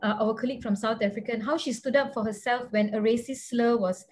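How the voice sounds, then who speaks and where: A woman in her thirties speaks on a video call, her voice sitting fairly high. She talks earnestly and with emphasis, often pausing on fillers. A faint hiss of noise runs under her. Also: fairly even intonation. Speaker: member of parliament, panelist. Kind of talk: webinar panel remarks. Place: indoor home room, virtual background.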